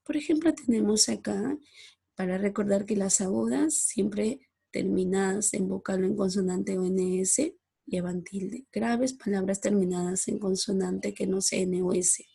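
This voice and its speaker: Woman, recorded slide lesson, mellow dark voice, gravelly edge, measured explanatory reading. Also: medium pitch, fairly even intonation. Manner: reads examples aloud in a measured, explanatory way. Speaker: teacher.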